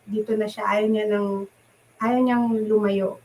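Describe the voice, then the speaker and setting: A middle-aged woman from the Philippines, a nurse, chatting casually as an interview guest, animated and laughing often as she acts out the voices of people she quotes. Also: medium pitch, unhurried, rough recording. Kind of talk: casual storytelling chat.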